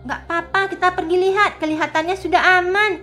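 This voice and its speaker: A woman's voice: very high voice, fairly even intonation, quick pace, pushed and bright, faint music behind. A woman voicing a bossy teenage girl in a game role-play, who protects and directs the younger kids.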